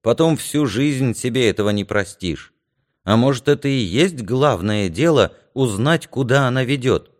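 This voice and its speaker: A man reading a story aloud as audiobook narration, expressive with soft lowered pauses.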